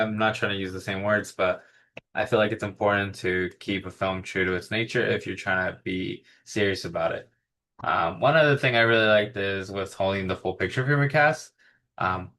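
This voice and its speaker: A man's voice: lowish voice, a bit bright, slight background noise. A young man giving a class slide presentation in a casual, rambling way, full of fillers and restarts. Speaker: student presenter.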